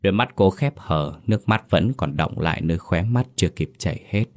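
A man narrating a scripted horror story in a slow, grave manner. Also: deep voice, lively intonation, darkish tone.

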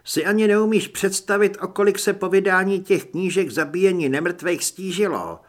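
A man's voice: high voice, voice pushed up, natural voice. A man voicing Holly, a sarcastic young woman monster hunter, in a mocking tone for an audiobook. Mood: scornful. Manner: scornful, mocking.

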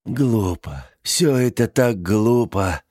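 A man voicing a cruel, frightened man who speaks in a numb, hushed way. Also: fairly low pitch, expressive, takes it slowly, no echo, studio quality. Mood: tense. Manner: whispering, numb and cold. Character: Mr Benedict, cruel man, panicky and cold.

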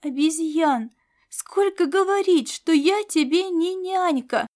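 A woman reading an audiobook and voicing a female alien star cat crewmate who scolds and shouts. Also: extremely high pitch, animated, slow pace, voice pushed up, full character voice. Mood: scolding. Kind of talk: audiobook character voice.

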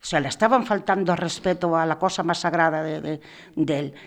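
A woman's voice: low-pitched, brisk. Indignant middle-aged woman giving testimony. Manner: indignant, rising to anguished outbursts, acts out dialogue. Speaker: mother of a prisoner who died, guest speaker. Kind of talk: emotional personal testimony in a talk show.

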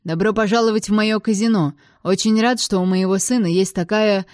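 A woman's voice: medium pitch, fairly quick, no echo, clean studio sound, close to an everyday voice. A woman voicing a genial casino-owner father. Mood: flattering. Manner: genial, flattering. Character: smooth-talking middle-aged male casino owner.

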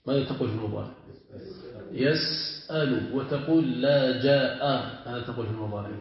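A man, a sheikh, teaching a class, stretching key words slowly and often asking his students whether they have understood. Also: medium pitch. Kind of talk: classroom lesson with questions to students. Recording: very echoey, dull lo-fi room.

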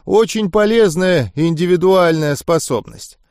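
A man reading an audiobook, voicing a scornful, gruff crime boss who barks insults. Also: sits high, unhurried, a little mellow, dry recording, clean studio sound, voice pushed up. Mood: cold stern. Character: gruff irritable male crime boss, secret demon.

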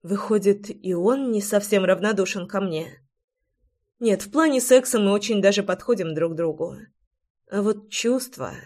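A woman's voice: mid-range voice, normal speed, darkish tone. Woman, audiobook narrator, first-person romance, emotional dramatic reading.

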